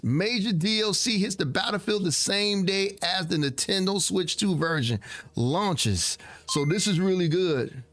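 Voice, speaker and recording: A man hosting a casual trailer reaction, talking in a halting way and repeating words as he goes. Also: on the high side, no room sound. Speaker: host reacting to game trailers. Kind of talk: casual commentary.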